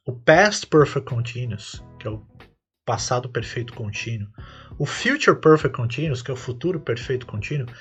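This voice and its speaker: A man with a Brazilian Portuguese accent hosts a podcast lesson as an English teacher, his mid-range voice fairly bright with a breathy edge. He explains patiently, step by step, lifting his voice on each English example phrase.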